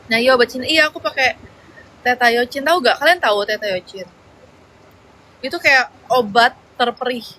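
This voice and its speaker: A young woman in a casual livestream chat, rambling along with slangy fillers as she answers viewer comments. Her voice sits a little high and sounds bright and forceful. A faint hum of noise runs behind her phone mic. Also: moderate pace, long pauses, poor audio.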